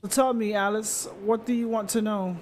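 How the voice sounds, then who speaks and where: A friendly, chatty middle-aged restaurant owner from a story game, read aloud by a man. The voice sits high, and he answers questions helpfully, stumbling now and then over fillers. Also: steady tone, normal speed, slight background noise, close to an everyday voice.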